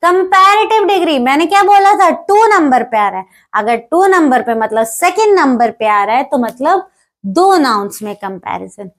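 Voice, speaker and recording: A woman teaching a grammar lesson, explaining step by step, checking often whether students follow, and reading English example sentences slowly. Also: sits high, expressive.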